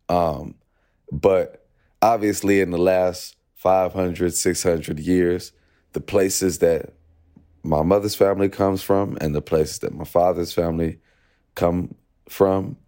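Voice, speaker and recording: A man with a very deep, mellow voice speaks as a guest musician in an interview. He talks in a loose, reflective way and keeps saying "you know" as he thinks aloud. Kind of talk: casual interview talk.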